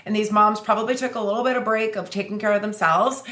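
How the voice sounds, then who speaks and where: A woman's voice: medium pitch, steady tone, quick pace, fairly bright tone. A woman hosts a casual podcast chat, talking in an upbeat, chatty way that wanders and restarts mid-thought. Her voice sits in the middle of the range. The room gives it a noticeable echo. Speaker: podcast host. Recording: roomy echo.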